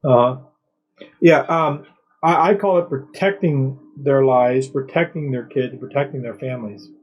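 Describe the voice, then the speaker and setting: A man's voice: mid-range voice, measured pace, highs cut off, soft background music. A man hosting a commentary show, rambling and sarcastic, with many fillers and restarts. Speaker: host. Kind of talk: mocking political commentary.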